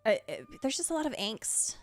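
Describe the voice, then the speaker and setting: A high, expressive voice moves briskly with no room sound at all. The woman, who makes videos and streams games, ranks game trailers in chatty reaction commentary that rambles into gushing asides, faint music in the background.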